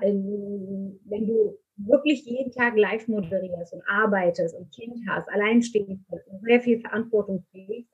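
A middle-aged Turkish woman speaks as an interview guest, candid and earnest, using many fillers in a conversational exchange. Her medium-pitched voice is slightly rough, and the audio sounds lo-fi.

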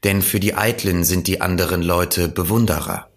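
A man with a very low, deep voice reads a storybook aloud as narrator. His delivery is calm and measured, like an audiobook.

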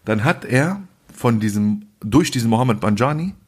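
A man's voice: medium pitch, normal speed, breathy edge. A man co-hosting a podcast, telling a story in casual chat and acting out the people in it. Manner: animated storyteller acting out quotes. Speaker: podcast co-host.

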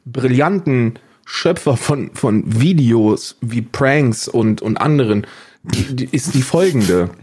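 Heiserer Mann, derb und sarkastisch. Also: male voice, mid-range voice, lively intonation, slow pace, darkish tone, slightly rough. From Switzerland. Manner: crude, sarcastic, emphatic. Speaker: podcast co-host. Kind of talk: casual political chat. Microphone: remote audio call setup.

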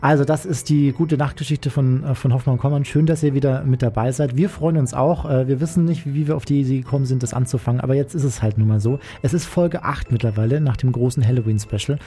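A man's voice: medium pitch, fast talker, hardly any pauses, dark tone, breathy edge. A man co-hosting a bedtime story podcast, chatting in a laid-back, sleepy way. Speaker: podcast co-host. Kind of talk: casual chat and story reading.

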